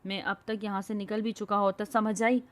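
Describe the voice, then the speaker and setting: A woman's voice: mid-range voice, little pitch movement, close to an everyday voice. Woman reading a stern young man, curt and fed up. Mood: angry. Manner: firm, curt.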